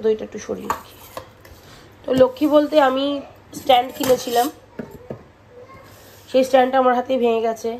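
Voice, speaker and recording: Chatty woman vlogging fast. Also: fairly high pitch, darkish tone. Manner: chatty and rambling, keeps saying "anyway". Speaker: family vlogger, mother of twins. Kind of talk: casual vlog narration. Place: at home, indoors. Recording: noisy home ambience.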